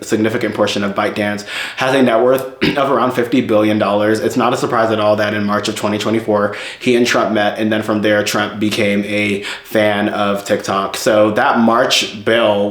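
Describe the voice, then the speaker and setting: A man's voice: fairly low pitch, reverberant. A man in his twenties giving casual commentary as a channel host, chatty, with lots of fillers and repeated words. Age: 20s.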